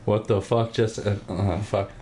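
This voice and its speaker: A man's voice: fairly low pitch, steady tone, unhurried, mellow. A man co-hosting a podcast in loose casual chat, swearing freely and laughing often. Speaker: podcast co-host.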